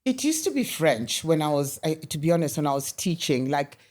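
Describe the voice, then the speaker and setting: This middle-aged guest from Kenya has a low-pitched voice and talks a little fast. In the interview she tells animated stories, frequently starting over mid-thought.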